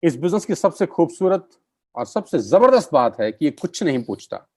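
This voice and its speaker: A man's voice: fairly high pitch, very animated, normal speed, darkish tone, no echo, clean studio sound. A middle-aged man giving a persuasive business opportunity presentation, repeating phrases for emphasis and calling listeners his friends. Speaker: network marketing presenter.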